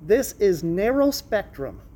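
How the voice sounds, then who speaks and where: Woman lecturing through a face mask, mellow. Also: medium pitch, very animated, takes it slowly. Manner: explanatory, checks understanding with questions. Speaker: college lecturer. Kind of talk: classroom lecture on microbiology. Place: classroom in front of students. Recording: noisy live classroom recording.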